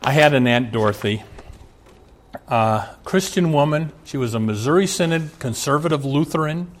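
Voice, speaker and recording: A man's voice: fairly high pitch, moderate pace. A middle-aged man from Omaha preaching a sermon as pastor, speaking earnestly and addressing fathers directly with rising emphasis. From Omaha, USA.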